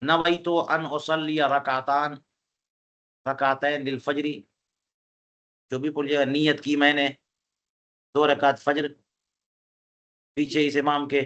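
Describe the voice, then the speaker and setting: A man with a somewhat high voice teaching a classical religious text. He reads Arabic passages aloud and explains them line by line, stopping often to put questions to his students. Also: monotone, long pauses, fairly bright tone.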